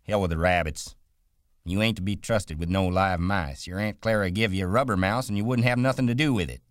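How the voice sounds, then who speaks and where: A man with a deep voice voicing an irritable, hot-tempered migrant worker who scolds in quick, exasperated bursts. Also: dry recording, studio quality, close to an everyday voice. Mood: scolding.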